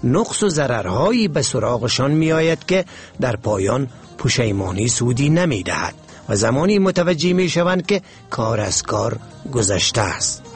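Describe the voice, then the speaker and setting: A man narrating a moral fable in a measured, moralizing storytelling manner. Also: mid-range voice, very animated, soft background music.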